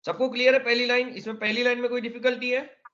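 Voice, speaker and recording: High-voiced man teaching a class. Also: little pitch movement, quick pace, fairly bright tone, dull audio. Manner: explaining step by step with repeated check-ins. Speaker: Arabic teacher. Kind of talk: classroom lesson.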